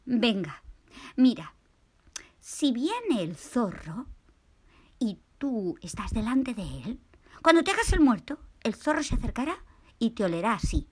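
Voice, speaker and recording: A woman's voice: fairly high pitch, sing-song, unhurried, pauses often, breathy edge, full character voice. A woman voicing a worried, strict mother possum who coaxes her son. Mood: coaxing. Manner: fussing, coaxing.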